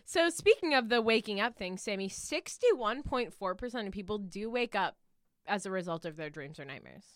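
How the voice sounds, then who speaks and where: A young woman with a bright, crisp voice, chatting on a podcast. She tells her stories with animation and acts out every line of dialogue. The sound is dry and close to the mic. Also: mid-range voice, animated, normal speed, no echo. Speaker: podcast co-host. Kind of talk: casual chat.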